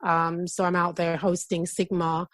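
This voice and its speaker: A middle-aged woman from England with a London accent touched by Jamaican patois, chatting excitedly and rambling as a podcast guest. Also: fairly low pitch, a little slow, no echo. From United Kingdom. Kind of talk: casual chat.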